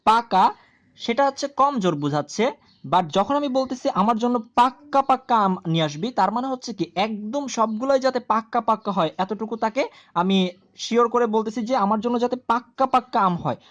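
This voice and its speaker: With lively intonation and a voice on the high side, a woman explains grammar to people watching her video. She goes slowly, keeps repeating the key terms, and often asks something before answering it herself.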